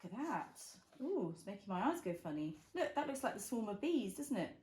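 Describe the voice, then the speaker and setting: Woman, higher register, reading to a small child with encouraging asides; roomy, noisy home-style recording. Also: big pitch swings, a little fast. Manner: encouraging, asks the child tag questions. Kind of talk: reading a picture book aloud to a young child, with chatty asides. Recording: roomy echo, clear background noise and clicks.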